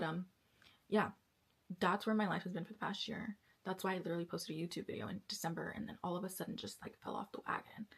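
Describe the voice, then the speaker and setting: A young woman vlogger and actress talking candidly in a casual confessional vlog, chatty and weary, sometimes dropping to a soft whisper. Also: on the low side, creaky, breathy edge. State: tired.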